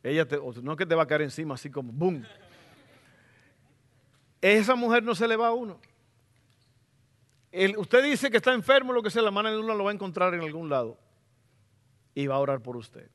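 A middle-aged man preaching a sermon as pastor in a church, fervent and rising to loud exclamations. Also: high voice, expressive, a little fast, long pauses. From Latin America.

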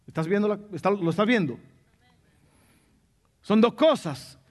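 High-voiced man preaching a sermon. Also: animated, a little slow. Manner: teaching tone, repeats key phrases. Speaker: pastor.

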